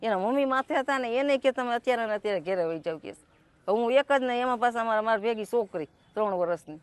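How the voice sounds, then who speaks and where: A woman's voice: fairly high pitch, animated, fast talker, clean tone, no room sound. A woman speaks, relating events to a news interviewer at length. She rambles and keeps quoting what others told her, in an unpolished everyday way. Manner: rambling, repeats quoted speech. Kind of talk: emotional spoken account.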